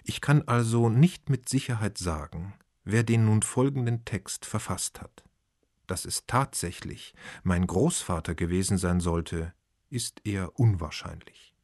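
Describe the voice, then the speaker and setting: Low-voiced, measured male narrator. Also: a little mellow. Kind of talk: scripted narration.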